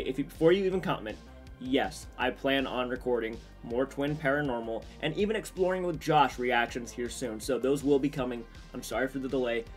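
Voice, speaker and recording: A young man hosting a trailer reaction video, talking casually in a rambling, chatty way from a small room full of horror collectibles. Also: medium pitch. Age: young adult. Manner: rambling, chatty, lots of restarts and fillers. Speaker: trailer reaction channel host.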